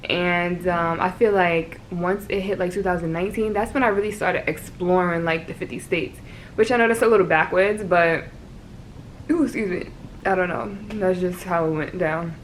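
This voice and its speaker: Young woman, New York accent, casual vlog chat, lots of fillers, slightly low voice, faint hiss behind. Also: steady tone, normal speed, rough recording. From Brooklyn, New York. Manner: rambling, filler-heavy, laughs often. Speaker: vlogger. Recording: faint background noise.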